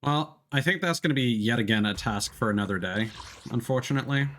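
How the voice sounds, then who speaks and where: A livestreamer offers casual commentary on a video game, thinking aloud in a hesitant, rambling, self-deprecating way. His mid-range, fairly bright voice moves fairly quickly over game music, with a little hiss or hum in the audio.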